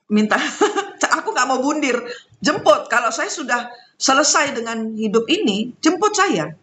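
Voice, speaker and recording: A woman telling spiritual stories in a casual monologue, animated and laughing often. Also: high voice, measured pace. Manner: animated, laughs often, mixes in Javanese and English. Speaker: spiritual talk host.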